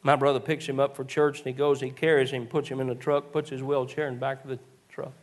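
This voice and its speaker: A male preacher, telling folksy stories in a sermon and rising into shouted exhortations. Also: medium pitch, flat delivery, fast. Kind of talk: sermon with storytelling.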